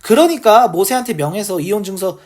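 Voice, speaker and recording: A woman teaching from the Bible in a relaxed, chatty way. Her voice is slightly husky and breathy, and her pitch swings widely as she drives home each point. She keeps firing rhetorical questions at the listener. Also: fairly quick. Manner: emphatic, full of rhetorical questions. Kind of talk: casual Bible teaching on camera.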